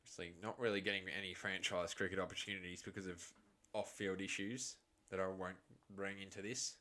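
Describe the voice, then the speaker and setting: A man with an Australian accent giving a live cricket reaction commentary, shifting between excited calls and chatty asides. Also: deep voice, brisk.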